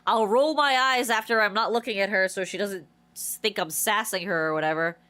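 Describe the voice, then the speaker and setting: In a casual livestream chat, a woman who streams games rambles animatedly through a story at a mid-range pitch and a slightly fast pace. She keeps restarting, and congestion gives her voice a stuffy, nasal sound.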